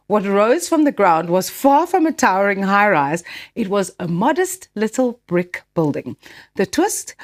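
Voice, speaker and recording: A woman with a South African accent co-hosting in a chatty way, bantering casually and telling stories. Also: medium pitch. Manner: chatty, switches between Afrikaans and English. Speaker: radio or podcast co-host. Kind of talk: casual co-host banter and storytelling.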